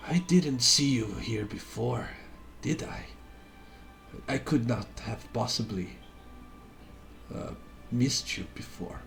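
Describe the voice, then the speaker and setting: A man voicing a huge, sly young veteran warrior in a tabletop game, with a gruff voice and courteous manner. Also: medium pitch, takes it slowly, pauses often, a bit bright, soft background music. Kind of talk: tabletop role-play character voice.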